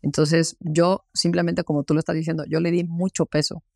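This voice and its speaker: Man, podcast guest, earnest and reflective, gravelly and flat, fairly high for a man. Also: fairly quick, dry recording, clean studio sound. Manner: earnest, many fillers like "este" and "¿no?". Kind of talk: reflective interview talk.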